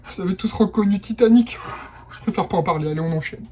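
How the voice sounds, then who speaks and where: A man's voice: high-pitched, fast, a little mellow. Guy hosting a blind test, chatty and enthusiastic, goes off on little stories. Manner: chatty, enthusiastic, personal asides. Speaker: quiz host.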